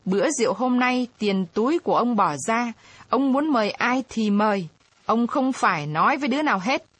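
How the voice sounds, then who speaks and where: A woman's voice: on the high side, expressive, brisk, husky, no echo, pitched above the performer's own voice. A woman reading aloud, voicing a greedy, boastful male village chief who drawls his words.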